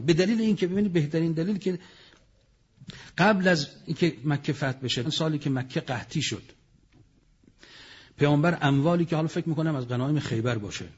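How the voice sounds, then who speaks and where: A man's voice: a little high, a little mellow, slightly rough, highs cut off. A man giving a religious lecture, telling history with dramatic storytelling and sudden raised outbursts. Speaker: preacher.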